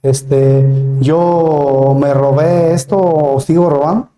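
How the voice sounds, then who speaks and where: A man's voice: on the high side, steady tone, takes it slowly, mellow, reverberant. A man with a Mexican Spanish accent preaching a sermon as pastor, earnest and questioning, often calling listeners brother. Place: church.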